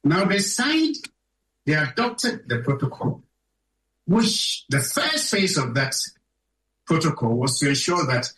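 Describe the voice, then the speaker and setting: A man's voice: a little high, a bit bright, a little hiss or hum. Emphatic man giving a speech in an echoey room. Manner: emphatic, asks the audience rhetorical questions. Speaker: conference speaker. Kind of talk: public speech. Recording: echoey room, distant from mic.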